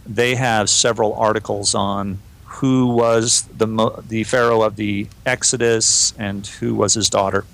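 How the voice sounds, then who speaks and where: A man co-hosting a podcast, chatting in a relaxed way and reading listener emails aloud. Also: on the low side, measured pace, few pauses. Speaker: podcast co-host. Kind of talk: casual podcast discussion.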